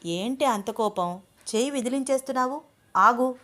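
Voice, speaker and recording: A woman's voice: fairly high pitch, moderate pace, a bit bright, natural voice. Woman voicing a stern young lecturer husband. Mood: coaxing. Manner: scolding, firm.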